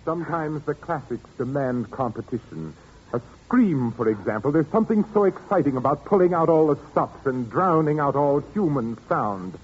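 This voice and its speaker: An actor playing a mad, menacing widower organist in a theatrical, genteel 1940s radio suspense style. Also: male voice, fairly high pitch, lively intonation, moderate pace, close to an everyday voice. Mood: gloating madness. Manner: theatrical, genteel, ominous phrasing. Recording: muffled, noisy 1940s radio recording.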